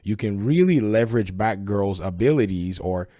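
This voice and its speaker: A man's voice: lowish voice, expressive, normal speed, dark tone, no room sound, clean studio sound. A man giving casual, opinionated game review commentary in a conversational way, his voice stuffed up by a cold.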